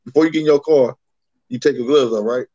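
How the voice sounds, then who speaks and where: A man joining a casual livestream chat, relaxed and arguing his point. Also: mid-range voice, fast, no echo, lo-fi sound. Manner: relaxed, argumentative. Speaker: guest calling in.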